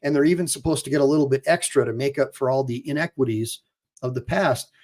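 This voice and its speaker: Talking fast in a medium-pitched, darkish voice, this attorney runs a casual livestream and addresses viewers directly. He reads chat out loud and hammers his points home through repetition, fillers and restarts.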